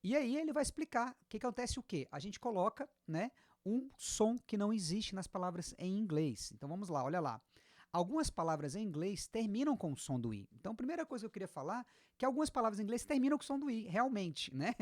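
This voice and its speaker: A woman with a Brazilian accent giving a casual online English lesson, explaining patiently and repeating example words slowly. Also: mid-range voice, sing-song, darkish tone, no echo, studio quality. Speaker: English teacher.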